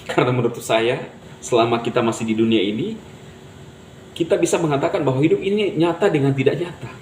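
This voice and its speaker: A man's voice: mid-range voice, quick pace, a little mellow. A man hosting his own channel, giving a casual motivational talk to viewers in a chatty way, laughing at his own remarks. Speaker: channel host. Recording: echoey room with faint background noise.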